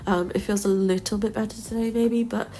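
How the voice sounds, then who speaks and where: A woman's voice: mid-range voice, steady tone, fairly quick, mellow, a little hiss or hum. A woman with a slightly blocked-nose sound, chatting casually and rambling through a video game build voiceover. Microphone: close voice-over mic or phone.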